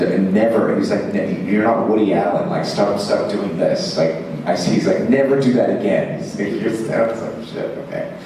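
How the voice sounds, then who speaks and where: Deep-voiced man telling stories in an echoey hall. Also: darkish tone, far from the mic, a little hiss or hum. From Zimbabwe. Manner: rambling and self-mocking, laughs often, many fillers. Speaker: actor answering fan questions on a panel. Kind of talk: convention Q&A storytelling. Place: large convention hall. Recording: echoey hall, mic heard from afar.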